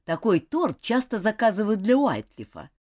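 A woman voicing a polite, helpful baker woman who speaks calmly and obligingly in a storybook reading. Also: medium pitch, normal speed.

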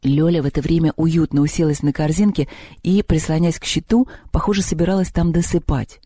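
Dark-voiced male storyteller. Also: a little high, a little fast, dry recording, clean studio sound. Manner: lively, expressive storytelling. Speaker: narrator. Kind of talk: audiobook narration of a children's story.

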